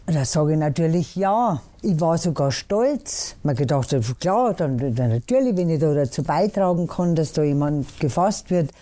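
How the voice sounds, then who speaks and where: A woman telling, in an animated way, how she was tricked, acting out the callers as she goes. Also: sits low, moderate pace, hardly any pauses. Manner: animated storytelling, acts out the callers' voices. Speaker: fraud victim guest. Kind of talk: personal account in a talk show.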